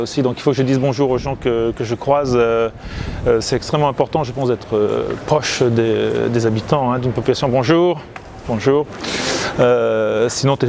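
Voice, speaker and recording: A man talks casually on a stroll through seaside streets, his thoughts coming in halting bursts full of fillers and restarts. A faint hum of traffic and outdoor noise sits behind his voice. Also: medium pitch, a little mellow. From Italy and Grenoble, France. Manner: hesitant, many fillers and restarts. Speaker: comic book artist. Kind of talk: casual walking chat to camera.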